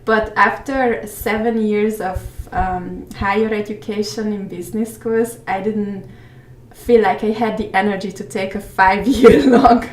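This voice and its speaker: A woman in her thirties from Hungary, a guest in a casual interview, reflective and soft-spoken, often trailing off quietly. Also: medium pitch, steady tone, a little slow. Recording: echoey room, mic at a distance.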